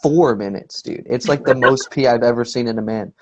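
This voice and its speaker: A man's voice: medium pitch, a little fast, darkish tone, husky. A young man chats loosely as a guest, leaning on fillers and restarts as he tells his stories. His voice sits mid-range and comes through a dull, lo-fi call line. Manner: laid-back, rambling storyteller with lots of fillers. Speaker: guest musician. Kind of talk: casual interview chat.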